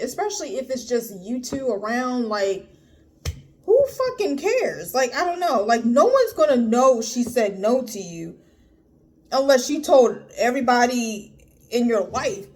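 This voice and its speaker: A woman in her late thirties giving a casual tarot reading, blunt and profane, her voice climbing high when she makes a point. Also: darkish tone. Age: 30s. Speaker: tarot reader.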